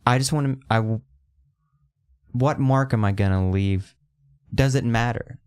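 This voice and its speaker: A man's voice: medium pitch, measured pace, a little mellow, clear, resonant tone. A man in his thirties in casual podcast chat, rambling and emphatic, swearing freely. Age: 30s.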